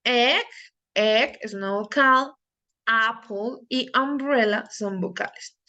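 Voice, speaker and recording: A woman's voice: fairly high pitch, takes it slowly, sharp tone. A young woman teaching an English grammar lesson, carefully repeating each word so learners catch its pronunciation.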